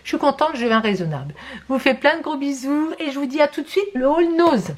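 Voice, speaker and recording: A woman's voice: high voice, expressive, fairly quick. A middle-aged woman, chatting casually to viewers about her shopping with many hesitations and fillers. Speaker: vlogger showing shopping purchases.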